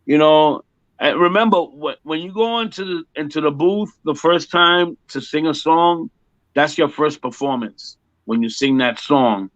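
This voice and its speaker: Speaking unhurriedly in a slightly high, somewhat bright voice, a musician in his fifties chats casually one-on-one in an interview. He jokes and repeats himself emphatically; there is no echo, though the audio is muffled and lo-fi.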